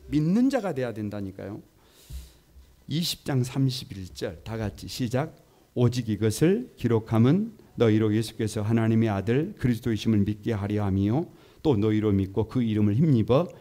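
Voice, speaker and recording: A man's voice: fairly low pitch, dark tone. A middle-aged man preaching a Korean midweek Bible sermon, leading the congregation in repeating lines and asking rhetorical questions. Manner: call-and-response preaching, asks the congregation to repeat; conversational and emphatic, often rhetorical questions. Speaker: pastor.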